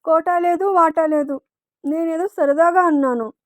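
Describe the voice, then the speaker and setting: A woman's voice: very high voice, measured pace, no room sound, pitched above the performer's own voice. A woman voicing a shy, flustered young woman in love, in a read-aloud romance story.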